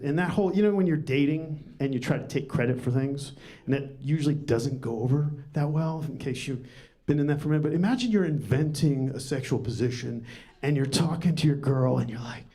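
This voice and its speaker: A man working through a stand-up set in a fairly high, conversational voice. He rambles from one bit to the next in a wry, offhand way. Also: a little fast, a little mellow. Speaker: stand-up comedian. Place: comedy club stage.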